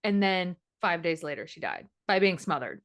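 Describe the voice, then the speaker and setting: A woman's voice: on the low side, animated, normal speed, a bit bright, dry recording, studio quality. A woman in her late twenties co-hosting a true-crime podcast, chatting casually with lots of fillers and restarts. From Florida. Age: late 20s. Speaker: podcast co-host.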